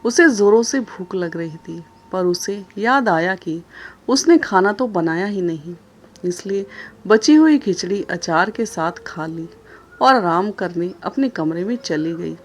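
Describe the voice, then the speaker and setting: Calm woman storyteller. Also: lowish voice, unhurried. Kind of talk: scripted story narration.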